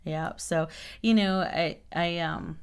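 A woman's voice: fairly low pitch, slow, crowd noise. A woman co-hosting a casual podcast chat, rambling with many fillers and laughing easily. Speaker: podcast co-host.

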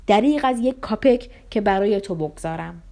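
A woman's voice: mid-range voice, animated, gravelly, darkish tone. Woman reading a fawning, flustered clerk. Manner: flustered, pleading and rushed. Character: fawning middle-aged male clerk, servile.

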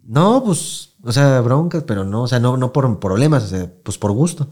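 A man's voice: mid-range voice, very animated, moderate pace, a little mellow. A young man with a Mexican Spanish accent, casually telling a story on a podcast in heavy slang and acting out the voices of people in it. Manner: slangy, acts out quoted voices, laughs often. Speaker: podcast co-host.

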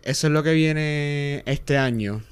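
Clear-voiced Puerto Rican man, casual Spanglish. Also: on the high side, slow pace. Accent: Puerto Rican Spanish. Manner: Spanglish, dropping English words into Spanish. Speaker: podcast co-host. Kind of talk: casual chat.

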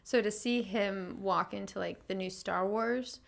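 A pregnant woman in her thirties co-hosts a podcast, chatting casually and telling stories with frequent laughs. Her voice is medium-pitched and creaky, fairly even in intonation and a little slow.

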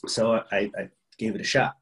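This is a man from Hawaii in his thirties, speaking as an interview guest. His voice sits fairly low, and he tells his story casually, filling the pauses with "um" and "you know.". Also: flat delivery, fairly bright tone, rough recording.

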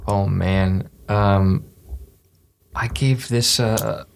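Man, low voice, relaxed podcast chat, agreeable, short affirmations. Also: drawn-out words, vocal fry, slight background noise. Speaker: podcast co-host. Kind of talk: casual film discussion.

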